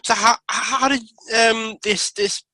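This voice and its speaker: A man's voice: extremely high pitch, steady tone, slow pace, pushed and bright, no room sound, rough recording. A man hosting a podcast interview, introducing his guest and asking questions in a friendly, slightly stumbling way. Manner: friendly, stumbles over words. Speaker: podcast host.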